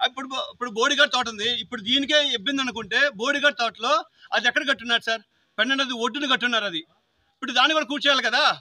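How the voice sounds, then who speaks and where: Brief: shrill, piercing man, agitated outdoor complaint, dry close sound. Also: fast talker, pushed and bright, dry recording. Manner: agitated, pleading, repetitive. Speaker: local villager complaining. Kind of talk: angry complaint to officials.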